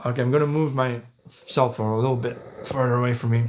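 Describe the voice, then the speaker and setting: This Dutch-speaking livestreamer and podcast host talks fast at a medium pitch with fairly even intonation, over a slight hiss or hum. He's from the Netherlands, answering chat in a relaxed monologue, musing aloud and tossing in "right?" and "yeah."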